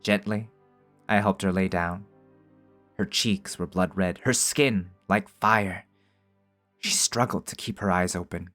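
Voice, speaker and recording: A man's voice: deep voice, fairly even intonation, a little slow, pauses often, a bit bright, faint music behind. A man reading a visual novel aloud as narration and breaking off to joke and swear in casual commentary. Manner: swears freely, jokes between narrated lines.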